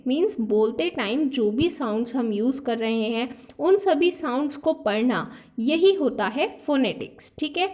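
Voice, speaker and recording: A young woman teacher explaining a lesson step by step, mixing two languages, repeating key points and slowly reading out example words. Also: high voice, darkish tone. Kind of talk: classroom lesson explaining phonetics.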